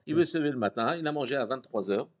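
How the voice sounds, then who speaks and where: A man's voice: mid-range voice, expressive, rapid-fire. A man teaching an interactive Torah class, reading Hebrew passages aloud and explaining them to his students. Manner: explains text, reads Hebrew passages then translates.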